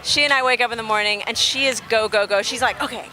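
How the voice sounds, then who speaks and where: Bright-voiced chatty woman from Texas. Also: fairly high pitch, fast. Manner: animated, chatty storyteller who laughs easily. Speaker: musician guest. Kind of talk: casual interview chat. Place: outdoors at a festival near traffic.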